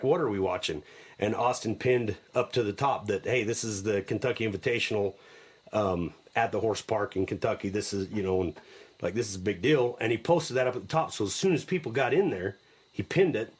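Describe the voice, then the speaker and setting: A man's voice: mid-range voice, slightly rough. Rambling, enthusiastic middle-aged man. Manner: rambling, repeats words, friendly and enthusiastic. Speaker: podcast host. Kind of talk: casual live podcast chat.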